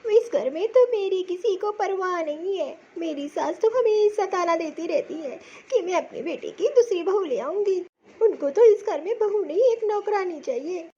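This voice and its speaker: A woman's voice: very high voice, animated, normal speed, warm tone, dull audio. A woman voicing a sick, tearful young married woman pleading with her father in a cartoon story. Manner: weepy, complaining. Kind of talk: cartoon voice acting.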